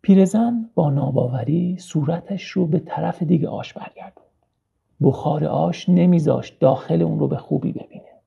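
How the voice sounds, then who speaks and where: A man reads a children's story aloud, slow and gentle. His voice is very dark, gravelly and husky. The recording sounds dull and lo-fi. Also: on the high side.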